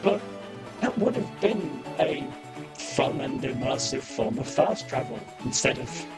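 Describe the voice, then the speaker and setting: A man's voice: mid-range voice, animated, measured pace. A man giving comedic, critical game commentary, cutting in with pedantic, sweary corrections. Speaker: commentator in a video essay. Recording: prominent music behind the voice. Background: music.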